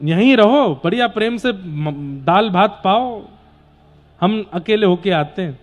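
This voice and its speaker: A man's voice: sits high, animated, takes it slowly. A male storyteller voicing a humble, devoted ascetic in a devotional tale, speaking earnestly.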